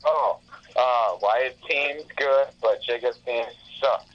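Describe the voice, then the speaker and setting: A man's voice: mid-range voice, slow, lo-fi sound. A man calling in on speakerphone, chatting casually and giving blunt, offhand opinions, heard through the phone. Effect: heard over a phone on speakerphone. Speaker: caller, friend of the host. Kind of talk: casual chat.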